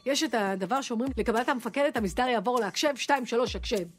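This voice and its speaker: A female comedian telling an animated story. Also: fairly high pitch, soft background music.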